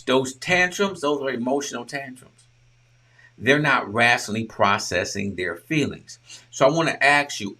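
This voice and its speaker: A man's voice: lowish voice, bright, forceful tone. A man, a relationship coach talking straight to his audience in an emphatic, preachy way, firing off repeated rhetorical questions. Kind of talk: direct-to-camera talk.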